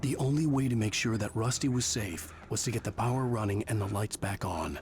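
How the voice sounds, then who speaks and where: An actor playing a troubled male hero, narrating his own thriller in a video game with a serious, terse, measured delivery. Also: fairly low pitch, over music, lightly acted. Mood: brooding. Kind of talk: scripted first-person game narration.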